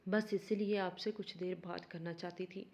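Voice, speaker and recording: A soft-spoken young wife, as a woman reads her. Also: fairly low pitch, steady tone, close to an everyday voice. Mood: gentle. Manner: soft, pleading. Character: gentle young wife, innocent and hurt.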